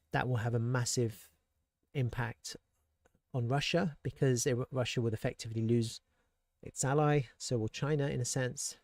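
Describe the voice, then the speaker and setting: A man's voice: mid-range voice, a little mellow, no room sound, clean studio sound. Man musing over crypto charts. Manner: thinking aloud, rhetorical asides, frequent restarts. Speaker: crypto market analyst. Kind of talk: casual market commentary.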